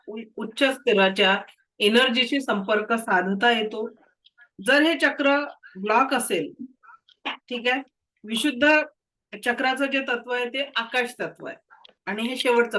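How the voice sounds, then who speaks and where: A woman's voice: fairly high pitch, bright, forceful tone, poor audio. A woman teaching a reiki class. She has a cold and cough, and she explains patiently with case stories. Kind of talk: spoken lesson to students.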